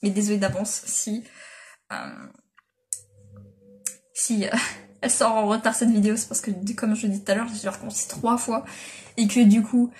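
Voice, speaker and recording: A woman's voice: mid-range voice, very animated, normal speed, long pauses, dark tone. A young woman chatting casually as a manga vlogger, rambling with lots of fillers and restarts, on a built-in device mic. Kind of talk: casual chat.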